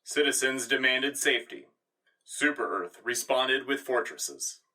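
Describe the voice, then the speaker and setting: In full character, a man plays an earnest, patriotic wartime radio anchor reading a scripted propaganda newscast in a solemn, rousing, declamatory style. His voice is medium-pitched, expressive, sharp and a little slow. The mic is distant and the recording rough.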